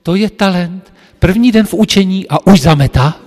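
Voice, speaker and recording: A man putting on a shrill, loud female instructor. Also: big pitch swings, long reverb tail, heavily acted. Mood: exclaiming.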